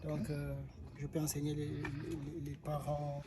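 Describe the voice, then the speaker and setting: A man's voice: on the high side, monotone, unhurried, background noise. A man from South Kivu, answering interview questions hesitantly with many fillers. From DR Congo, South Kivu. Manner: hesitant, frequent fillers and restarts. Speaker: karate teacher and singer being interviewed.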